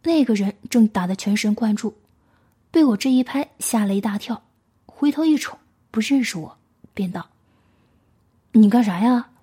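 Storyteller: woman, breathy and mellow, reads in a hushed half-whisper. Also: a little high, animated, moderate pace. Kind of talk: story reading.

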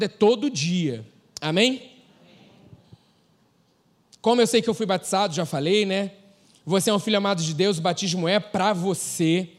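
A man with a Brazilian Portuguese accent preaching a sermon in a relaxed, slangy way, telling stories and laughing. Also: high-pitched. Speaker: pastor.

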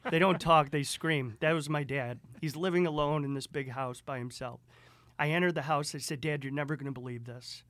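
A man from upstate New York, a podcast guest telling a story with lively acted-out dialogue. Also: on the high side, normal speed, dry recording. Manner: animated, acts out both sides of dialogue. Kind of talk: storytelling in conversation.

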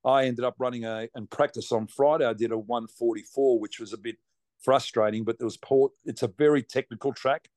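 A man's voice: medium pitch, fairly even intonation, a little fast, a little mellow, dry recording. Male, Australian, racing driver guest. Casual, slangy, blunt chat with a mid-range voice.

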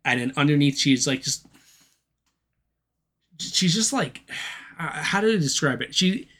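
A man's voice: on the high side, expressive, measured pace, sharp tone. Profane rambling man retelling a movie. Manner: profane, rambling plot recap. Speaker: podcast co-host. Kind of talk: casual chat.

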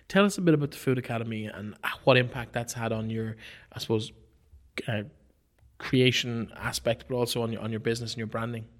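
A man asks long, measured questions as an interviewer. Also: on the low side, a bit bright.

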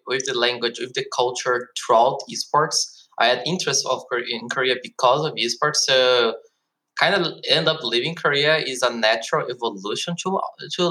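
Sharp in tone and medium in pitch, this Brazilian man appears as a podcast guest and works as an esports marketing executive. The audio is poor, and his casual, upbeat answers are thick with "like" and "uh".

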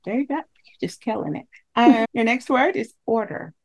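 A woman's voice: fairly high pitch, animated, normal speed. A woman hosting a podcast interview, chatty and enthusiastic. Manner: enthusiastic, chatty, laughs often. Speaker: podcast host.

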